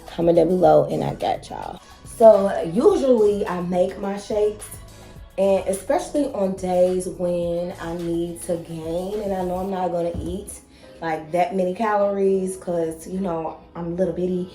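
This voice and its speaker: Young kentucky woman, thick country twang, talks fast and laughs a lot, echoey room w faint music. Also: on the low side, dark tone. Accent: Kentucky Southern. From Kentucky, USA. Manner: fast-talking, chatty, laughs often. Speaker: vlogger. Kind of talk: casual vlog chat.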